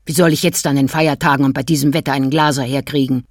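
A woman voicing a stern, gruff middle-aged man who barks and scolds, in a dry recording. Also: a bass voice, steady tone, quick pace, no echo, pitched below the performer's own voice. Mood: scolding. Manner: barking, scolding.

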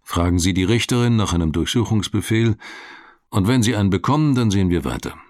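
A man's voice: lowish voice, expressive, fairly quick, a little mellow, no room sound, clean studio sound, lightly acted. A man reading the part of a grumpy male police detective who talks in a curt, grumbling way.

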